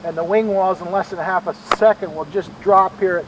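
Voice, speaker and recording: Male tour guide, calm museum manner, high-pitched, plain-spoken and halting, faint outdoor noise. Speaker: bird sanctuary museum guide and bird bander. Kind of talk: informal guided tour, explaining.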